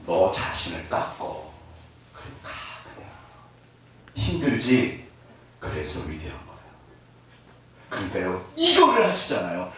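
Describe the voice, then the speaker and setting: Man, middle-aged pastor, sermon, jokey and self-deprecating, very lively pitch, heavy echo, distant mic. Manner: humorous, self-deprecating, animated with laughter. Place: church sanctuary.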